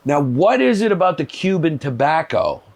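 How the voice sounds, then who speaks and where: A man's voice: fairly high pitch, big pitch swings, normal speed, darkish tone. A man in casual chat who keeps asking questions and cracking jokes. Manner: asks questions, jokey. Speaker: comedian guest. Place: shed with cigars.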